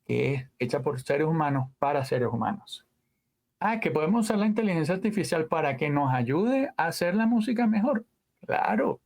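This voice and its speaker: A man, a guest audio engineer telling stories in a casual interview, animated and full of sound words and trailing asides. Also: fairly high pitch, moderate pace, vocal fry.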